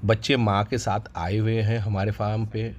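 A man who owns a goat farm walks viewers through his new stock in an unhurried, casual way with many hesitations, recorded on a handheld phone outdoors in the farm yard. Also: lowish voice, highs cut off, a little hiss or hum. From India. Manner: relaxed, unhurried, with frequent hesitations. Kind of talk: casual promotional farm tour.

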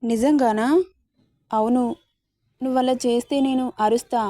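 Feisty young bride, read by a woman, slightly high, warm tone. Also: fairly even intonation, unhurried, dry recording, clean studio sound, natural voice. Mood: playful. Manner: feisty, playful. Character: young woman, spirited, feisty new wife.

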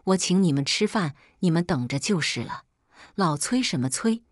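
A woman's voice: lowish voice, animated, moderate pace, no echo, studio quality. A woman voicing an angry young man who scolds harshly over the phone.

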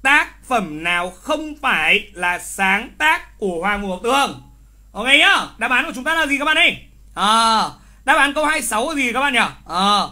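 A male literature teacher running a live online exam review, lively and teasing, who repeats key words and scolds wrong answers with exclamations. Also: very high voice.

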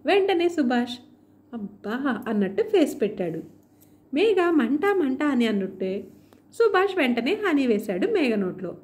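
High-voiced expressive woman storyteller. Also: normal speed. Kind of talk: audiobook story narration.

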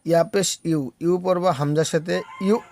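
A man from Bangladesh teaches Quran reading in a slow, spelled-out lesson, sounding out Arabic letters one syllable at a time and stretching the long vowels. His voice is a little high and darkish in tone, with fairly even intonation at normal speed.

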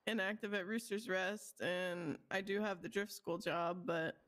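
A woman's voice: mid-range voice, steady tone, measured pace, fairly bright tone. A woman chatting casually in character during a game role-play, rambling loosely with light giggles.

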